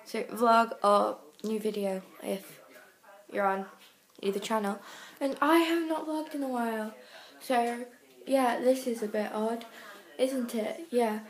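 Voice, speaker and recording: A teenage girl rambles casually into her phone camera, self-conscious and chatty. Her voice sits a bit high. The phone audio sounds echoey, as if the room is bouncing it back. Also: slow. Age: teens. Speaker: vlogger. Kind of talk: casual vlog talk to camera. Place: home rooms, then restaurant and bathroom. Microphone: phone held at arm's length.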